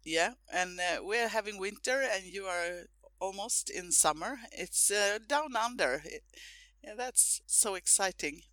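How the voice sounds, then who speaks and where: A woman's voice: mid-range voice, unhurried, a bit bright, dry recording, clean studio sound. A woman hosting a podcast interview, asking questions in an enthusiastic, chatty way. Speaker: podcast host. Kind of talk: casual interview. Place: home in Sweden.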